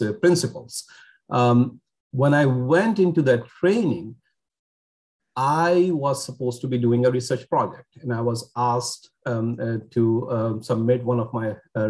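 A man's voice: mid-range voice, darkish tone. A man from Pakistan, a physician guest on a podcast, telling his story with many fillers and restarts. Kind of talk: podcast interview.

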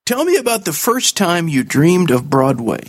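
A man's voice: fairly high pitch, sing-song, moderate pace. A man hosting an interview in a formal radio style, introducing his guest and putting questions. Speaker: interview host.

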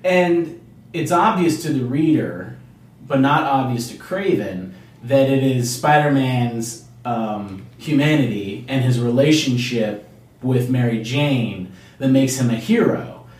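A man's voice: mid-range voice, expressive, slow, a little mellow. Man heard from afar, very echoey. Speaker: podcast co-host. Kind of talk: casual comic book chat. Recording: distant mic, very echoey room.

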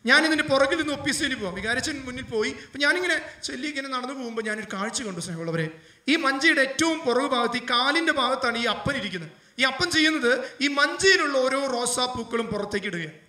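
Male priest preaching, very high voice, sharp bright tone, emotional fervent delivery, echoey room, distant mic. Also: lively intonation, fast. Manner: emotional preaching, rising to loud fervent appeals. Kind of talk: sermon storytelling.

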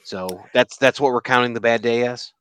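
A man co-hosting a podcast who talks about a comic book in a relaxed, hesitant way with many restarts. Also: mid-range voice, brisk, smooth, no echo. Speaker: podcast co-host. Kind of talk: casual comic book discussion.

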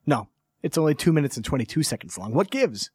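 A man's voice: fairly high pitch, very animated, fast, darkish tone, breathy edge, no room sound. A man in his forties co-hosting a casual podcast, with wry, teasing banter into a close mic. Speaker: podcast co-host.

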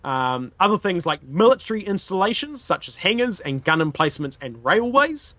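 A man with a broad New Zealand accent hosts a casual history podcast. His voice is bright and high for a man, and his wording is colloquial and peppered with swearing. The recording is a little dull and boxy. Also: big pitch swings, normal speed, dry recording. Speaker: podcast host.

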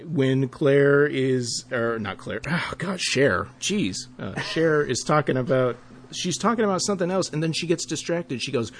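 A man co-hosting a podcast, speaking at an unhurried pace in a mid-range voice. He chats casually and sometimes trips over names. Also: mid-range voice, animated. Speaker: podcast co-host.

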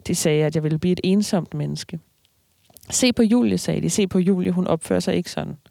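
A writer reading aloud slowly from a novel, then talking about the book with hesitant fillers. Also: mid-range voice, fairly even intonation, gravelly, warm tone, no echo, clean studio sound. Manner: slow, measured reading with hesitant fillers in discussion.

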